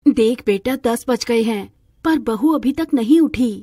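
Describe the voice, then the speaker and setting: Woman doing a kind middle-aged mother-in-law, patient, calm. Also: on the high side, unhurried, breathy edge, dry recording, clean studio sound.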